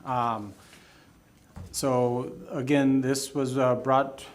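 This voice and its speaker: A man giving an informal report at a public meeting with halting, casual phrasing. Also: medium pitch, little pitch movement, a little hiss or hum. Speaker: staff presenter. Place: public commission meeting room.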